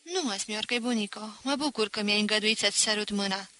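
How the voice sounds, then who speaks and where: A woman's voice: medium pitch, bright, forceful tone, no echo, close to an everyday voice. Woman voicing an earnest teenage boy. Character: eager teenage boy, polite nephew. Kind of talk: audiobook reading.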